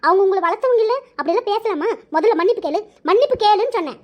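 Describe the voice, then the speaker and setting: Brief: woman playing a firm, high-voiced cartoon mother, brisk and commanding. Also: animated, highs cut off. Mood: stern. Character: middle-aged mother, stern peacemaker.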